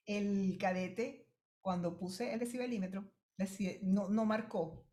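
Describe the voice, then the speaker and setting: A woman with a Venezuelan accent, a voice specialist explaining vocal strain to listeners in a clear, direct way. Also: medium pitch, darkish tone. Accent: Venezuelan Spanish. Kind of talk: explanatory talk. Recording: roomy echo.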